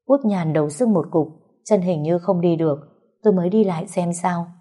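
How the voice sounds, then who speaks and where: A woman tells a family drama in the first person, her voice low and slightly husky. Her tone is mellow and unhurried in narration. She throws herself into the quarrels with heated bursts.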